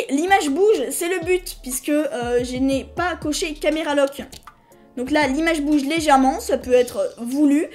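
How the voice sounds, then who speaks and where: A woman hosting a casual screen-recorded software tutorial. She talks in a chatty, hesitant way, restarts her sentences and apologizes to viewers now and then. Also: sits high. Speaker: tutorial host.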